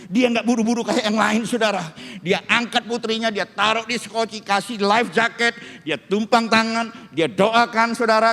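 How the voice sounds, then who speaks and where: A man's voice: high-pitched, a bit bright. A middle-aged man, a pastor, preaching a sermon and telling a story to his congregation. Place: church hall. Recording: long church hall reverb.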